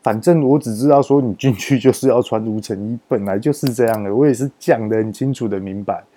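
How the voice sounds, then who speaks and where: A man with a Taiwanese Mandarin accent, telling a work story as a podcast host in a casual, animated way, stretching his sentence-final particles for emphasis. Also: medium pitch, a little fast.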